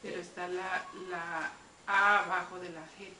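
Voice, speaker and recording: A woman student in a Hebrew class, speaking quietly and briefly to ask questions. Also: on the low side, flat delivery, a little slow. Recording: distant in echoey room with noise.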